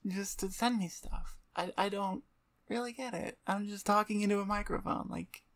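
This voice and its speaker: A woman with a medium-pitched voice talks at a moderate pace, rambling casually and poking fun at herself as an ASMR channel host in an outro chat. She sits on the floor in front of a computer desk, close to a microphone about twelve inches away at eye level.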